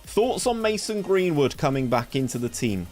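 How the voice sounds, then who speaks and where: A young English gaming streamer with a West Country accent plays and chats casually on stream, reacting aloud to his audience from a hot summer home room with a fan going. He speaks fairly high, sing-song and a little mellow at a moderate pace, over faint music.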